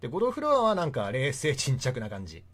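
Man in his young adult years, relaxed and talkative as a history explainer, lively up-and-down delivery. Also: mid-range voice, fast, slightly rough. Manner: chatty, laughs often between points. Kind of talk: casual history lecture.

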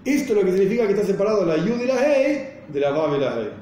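High-voiced rabbi in an echoey room. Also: male voice, sing-song, quick pace, dark tone. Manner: explanatory, rhetorical questions, acts out an angry outburst. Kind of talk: Torah lesson. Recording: very echoey room, faint noise.

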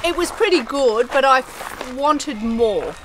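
Middle-aged woman, family mum; bright, bouncy, chatty delivery with light background noise. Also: high voice, lively intonation, measured pace, low-quality recording. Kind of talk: casual family chat.

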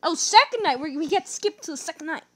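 A woman giving casual live game commentary as a jumpy, excitable, scared horror game streamer. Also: very high-pitched, quick pace, noisy background. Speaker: gaming video creator. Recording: loud game audio behind voice.

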